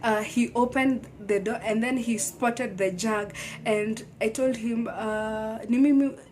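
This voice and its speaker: A woman's voice: a little high, steady tone, slow pace, a little mellow, a little hiss or hum. A woman telling her own painful story in an earnest, emotional way, often repeating and restarting her words. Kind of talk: personal testimony, casual storytelling.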